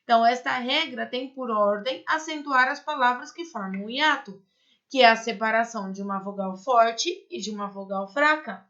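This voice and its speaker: Bright high-voiced teacher. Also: female voice, normal speed, dull audio. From Brazil. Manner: explains patiently, asks rhetorical questions and checks in with "certo?" and "né?". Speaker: Spanish teacher. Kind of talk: recorded online class.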